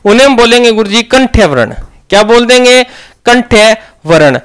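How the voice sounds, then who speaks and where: High-voiced man teaching grammar. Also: animated, moderate pace, a bit bright, clear, resonant tone. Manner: asks questions and answers them himself. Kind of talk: Hindi grammar lesson.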